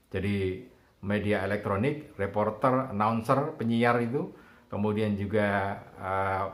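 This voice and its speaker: Male public speaking instructor, mid-pitched, unhurried explainer leaning on verbal fillers, roomy echoey sound. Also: fairly bright tone. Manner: unhurried explanatory talk with frequent "nah" and "gitu ya". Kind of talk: promotional course explanation. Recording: roomy echo.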